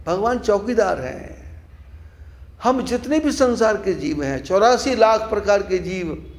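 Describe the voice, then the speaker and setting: A man giving a devotional discourse as a spiritual teacher, telling stories and asking rhetorical questions with repeated phrases. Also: sits high.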